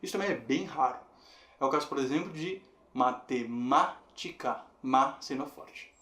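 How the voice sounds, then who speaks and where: A man with a slightly high voice gives a patient, explanatory video lesson. He slows down to spell out how each word is said. The room around him rings with a noticeable echo. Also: fairly bright tone. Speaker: English teacher. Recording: roomy echo.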